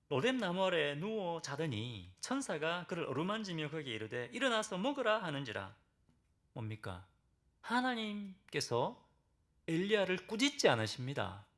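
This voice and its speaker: Animated Korean pastor preaching. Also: male voice. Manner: dramatic, acts out Bible figures' pleas with sudden loud high bursts; asks the congregation direct questions. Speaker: senior pastor. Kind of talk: sermon. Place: church sanctuary.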